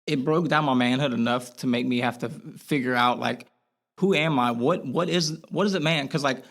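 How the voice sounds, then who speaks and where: A young man with a Boston accent, a podcast guest talking candidly in a halting way, with many restarts. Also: mid-range voice, creaky, a bit bright. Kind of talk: casual podcast interview.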